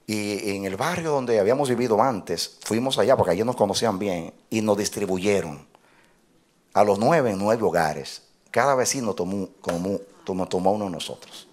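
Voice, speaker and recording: Animated storytelling pastor, man. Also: on the low side, normal speed. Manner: animated, laughing storyteller, builds to loud exclamations. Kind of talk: storytelling sermon.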